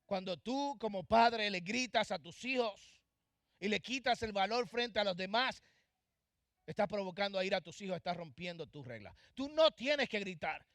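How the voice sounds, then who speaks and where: Impassioned high-voiced male pastor preaching. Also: animated, moderate pace, no echo. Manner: impassioned preaching, swings from loud to hushed. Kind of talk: sermon. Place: church.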